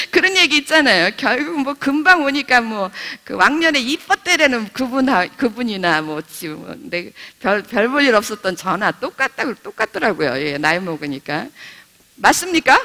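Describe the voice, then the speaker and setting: A middle-aged woman leads a Bible study with a bright voice that swings up and down in pitch. She is chatty, asks her listeners questions and laughs through her stories. Her voice carries the long reverb of a church hall. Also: sing-song, moderate pace. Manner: laughs while telling stories. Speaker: pastor's wife teaching a Bible study.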